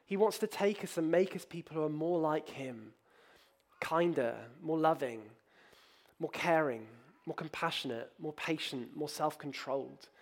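Man, slightly high voice, casual sermon, lots of fillers, candid. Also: a little slow. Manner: conversational, frequent fillers like 'like' and 'um'; self-deprecating and candid. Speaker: pastor.

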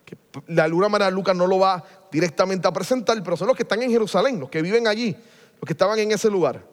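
A man leads a Bible class, firing questions at his listeners and answering them himself. His voice sits high for a man. The sound carries a long, hall-like reverb. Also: quick pace. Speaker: Bible teacher.

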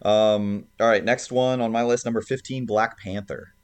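A man co-hosting a podcast in casual, informal chat, with animated reactions. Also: lowish voice, moderate pace, clean tone. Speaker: podcast co-host.

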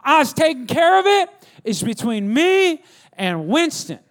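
A man's voice: very high-pitched, very animated, a little slow, pitched above the performer's own voice, full character voice. A preacher doing a defensive teenage boy. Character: indignant teenage boy, the pastor's son.

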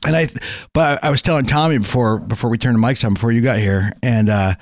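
Regular guy podcast host, mid pitch, loose sweary chat, close dry sound. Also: fast talker, no room sound. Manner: informal, profane. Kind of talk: casual chat.

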